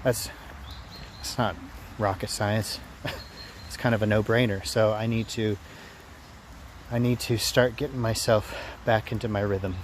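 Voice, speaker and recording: Male vlogger, lowish voice, reflective and halting casual monologue, faint ambient noise behind. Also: steady tone. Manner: reflective, halting, repeats phrases. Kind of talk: casual personal vlog monologue.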